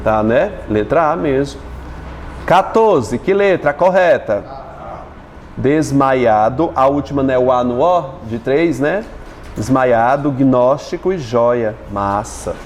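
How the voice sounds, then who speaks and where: A man with a Brazilian Portuguese accent teaching an exam-prep lesson, chatty and joking, stretching words out slowly as he splits syllables. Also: medium pitch, expressive, a little hiss or hum. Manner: chatty, jokes with students, spells words out slowly.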